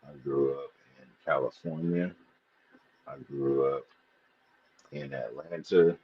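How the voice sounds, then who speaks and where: A man's voice: a bass voice, very animated, slow, gravelly, breathy edge. A man from Missouri talking in a casual live panel chat, rambling and loose as he tells stories. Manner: rambling storyteller, loose and profane. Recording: dull lo-fi stream audio.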